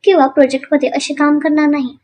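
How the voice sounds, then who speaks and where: A stern older patriarch, read by a woman narrator in a storybook serial. He speaks gravely and firmly, each decision final, in a high, clear voice. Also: flat delivery, mellow, a little hiss or hum, lightly acted. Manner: firm, measured, grave. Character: stern dignified older man, family patriarch.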